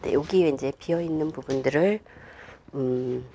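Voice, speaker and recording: A middle-aged Korean woman teaches flower arranging in an indoor studio at a flower table, explaining unhurriedly as she works, often hesitating at the ends of phrases, with many fillers and half-whispered asides to herself. Her voice is very deep, and there's background noise.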